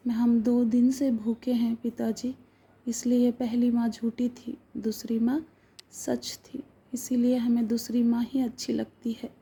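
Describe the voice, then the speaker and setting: A woman's voice: a little high, little pitch movement, a little slow, mellow, slightly rough, heavily acted. A woman voicing an earnest, hungry eight-year-old boy who pleads as he explains himself to his father in a told story. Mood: pleading.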